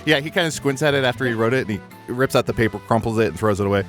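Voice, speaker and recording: A man's voice: medium pitch, rapid-fire, a bit bright, soft background music. A man playing a tabletop role-playing game, hesitant and full of restarts as he describes his character. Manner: hesitant, lots of restarts and filler. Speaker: player. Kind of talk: tabletop role-play banter.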